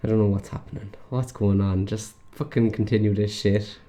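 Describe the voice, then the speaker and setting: A man's voice: on the low side, steady tone, normal speed, mellow. A young man on a casual gaming podcast, answering bluntly and brushing things off. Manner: blunt, dismissive, offhand. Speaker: podcast co-host.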